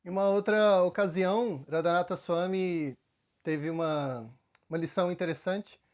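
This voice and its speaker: A man with a Brazilian Portuguese accent giving a relaxed, conversational spiritual talk, telling stories with frequent fillers. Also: high voice, normal speed, slight background noise. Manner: relaxed storytelling with frequent fillers, acts out quotes. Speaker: spiritual teacher.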